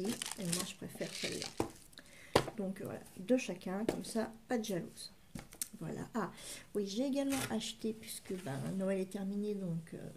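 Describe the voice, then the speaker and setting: A woman's voice: mid-range voice, background noise. A woman casually presenting her shopping haul, hesitant and full of fillers as she describes each item step by step. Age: adult parent.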